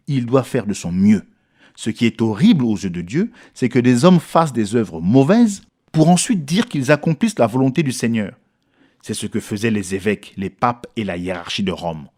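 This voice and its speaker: In French, a man reads a sermon book aloud, expounding the text in an earnest, preacherly way. His mid-range voice is a little mellow.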